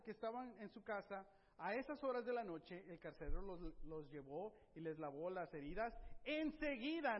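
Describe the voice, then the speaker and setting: A man preaching a sermon that retells a Bible story, animated and asking the congregation rhetorical questions. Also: high-pitched, in a large hall, highs cut off.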